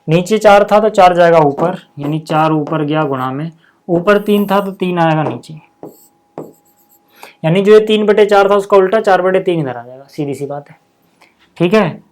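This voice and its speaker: A man teaching a school maths lesson in a casual, chatty way, checking in with the class after every step and calling viewers "yaar" and "bhai sahab". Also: high voice.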